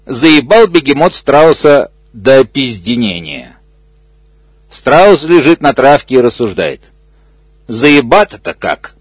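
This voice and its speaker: A man's voice: medium pitch, expressive, slow pace, slightly rough, dry recording. A man reading an obscene comic story aloud in a matter-of-fact way. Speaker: reader.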